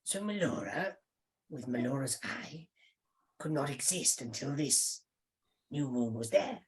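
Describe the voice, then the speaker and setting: A man running a tabletop game, switching back and forth between two character voices in one exchange and talking in halting restarts. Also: medium pitch, lively intonation. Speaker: game master voicing a priest. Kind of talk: tabletop roleplay.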